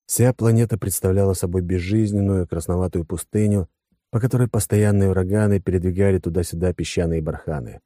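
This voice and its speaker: A man narrating a story in a lively, wry storytelling manner. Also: sits low, fairly quick, no room sound, clean studio sound. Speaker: audiobook narrator. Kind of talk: scripted narration.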